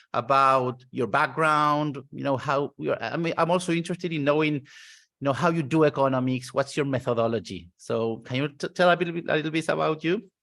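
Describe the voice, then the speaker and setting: A man hosting an online interview, enthusiastic and halting, with many fillers. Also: mid-range voice, a bit bright. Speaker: interview host.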